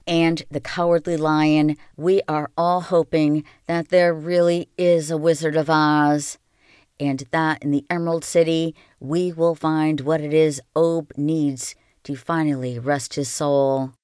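A calm reader telling a novel aloud, with a smooth, clear voice of middling pitch. The sound is close and dry, with no room around it. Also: measured pace, dry recording. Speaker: audiobook reader.

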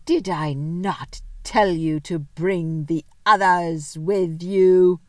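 A woman voicing a cruel, imperious witch queen in a storybook, slow, commanding and threatening. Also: deep voice, expressive, darkish tone, dry recording, full character voice. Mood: furious.

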